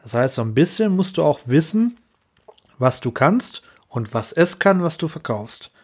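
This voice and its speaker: A man chatting casually on a podcast, telling a lively story and acting out clients and bosses in quick voices. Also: a little high, slightly rough. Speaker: podcast co-host.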